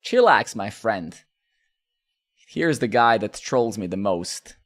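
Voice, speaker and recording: A man's voice: lowish voice, very animated, slow pace. A man in his thirties from Serbia, chatting casually with viewers while live coding, rambling with fillers, swearing and asking "right?". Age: 30s.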